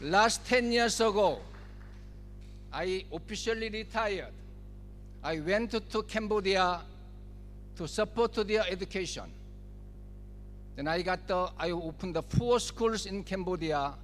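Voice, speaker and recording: Speaking in a big-room space with slight background noise, a South Korean guest speaker in his seventies addresses a forum in Korean-accented English. His high-pitched, somewhat bright voice delivers short, forceful phrases, circling back to key words.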